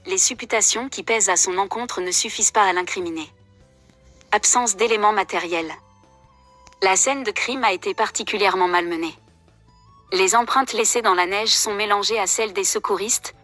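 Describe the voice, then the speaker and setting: A woman delivering scripted true crime narration in a measured, journalistic storytelling manner. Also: mid-range voice, a bit bright.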